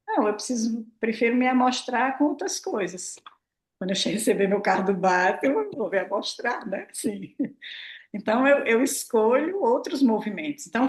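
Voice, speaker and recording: A woman, talking casually and expressively to her audience as a prosperity mentor, acting out her own remarks. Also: a little high. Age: 60s. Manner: chatty, expressive, acts out her own quotes, tag questions. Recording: roomy echo.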